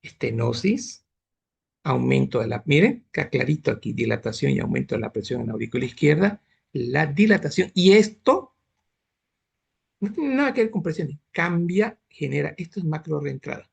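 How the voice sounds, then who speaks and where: A man's voice: on the high side, animated, moderate pace, gravelly, breathy edge. A man teaching medicine in an online class, explaining step by step and often asking his students if they follow. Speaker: medical lecturer.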